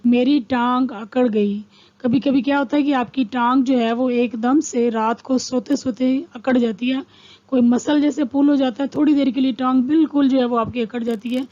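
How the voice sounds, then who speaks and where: A woman teaching English in a language lesson. She explains in Hindi and says each English phrase slowly twice. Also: on the high side, warm tone, muffled recording.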